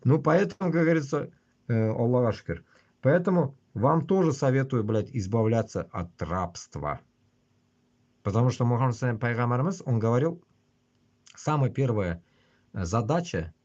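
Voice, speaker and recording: A man with a husky voice, ranting casually and bluntly on a livestream with constant swearing. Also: lowish voice, expressive, normal speed, a little mellow, lo-fi sound. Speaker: livestream host. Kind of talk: casual rambling livestream rant.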